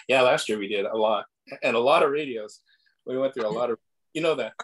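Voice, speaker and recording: A man's voice: medium pitch, a little fast, fairly bright tone, poor audio. A man leading a casual club meeting on a video call, rambling with fillers and hedges.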